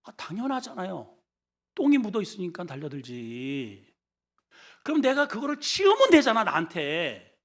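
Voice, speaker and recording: Lively, high-voiced Korean pastor preaching. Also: male voice, moderate pace. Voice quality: mock shouts for comic voices. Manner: animated storytelling, leads the congregation in call-and-repeat. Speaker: senior pastor. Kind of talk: sermon.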